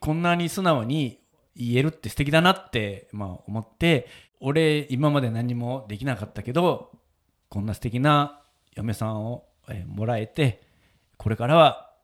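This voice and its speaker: A man's voice: mid-range voice, measured pace. A man hosting a casual radio chat, telling a moving story and often breaking into laughter. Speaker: radio show host and wedding photographer.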